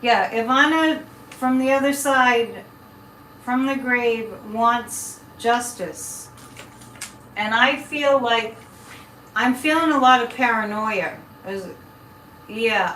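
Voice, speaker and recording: Slow-paced and a little high, with a fairly bright tone, a woman hosts a casual live psychic chat. She rambles and breaks off mid-thought as she speaks to viewers, in an echoey room recorded with a distant mic and faint noise.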